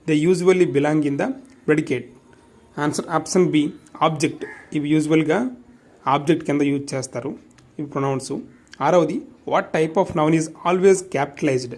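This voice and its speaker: A man's voice: on the high side, darkish tone. A man with a Telugu accent teaching an exam revision lesson. He reads out quiz questions and their answers and explains them, moving between English and Telugu.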